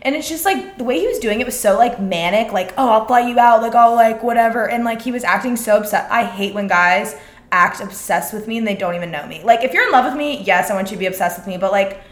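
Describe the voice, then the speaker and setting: A woman's voice: mid-range voice, animated, fast talker, a bit bright, roomy sound. A woman hosting a podcast, chatting casually and filling her talk with "like". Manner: chatty, filler-heavy, full of "like". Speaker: podcast host. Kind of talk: casual chat.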